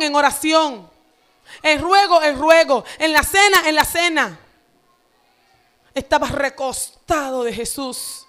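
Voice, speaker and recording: A woman's voice: sits high, a bit bright. Fervent woman pastor preaching. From Dominican Republic. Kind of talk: sermon. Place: church.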